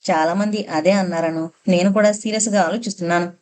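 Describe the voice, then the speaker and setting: A woman's voice: fairly low pitch, fairly even intonation, fast talker, darkish tone, clean tone, natural voice. This is a pushy young man of college age, full of big talk and self-satisfaction. He speaks eagerly and keeps the chatter going, voiced by a woman reading an audiobook. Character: boastful young male college student, pushy.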